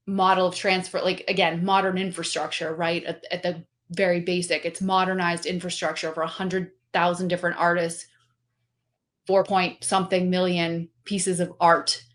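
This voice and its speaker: A woman speaking as a guest in a casual interview, animated and talkative, full of fillers and restarted sentences. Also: fairly low pitch. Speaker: guest, company representative.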